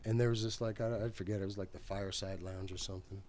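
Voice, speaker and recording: A man's voice: low voice, fairly even intonation, fast, darkish tone. Rambling, laughing middle-aged man. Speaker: podcast guest. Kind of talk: casual storytelling chat.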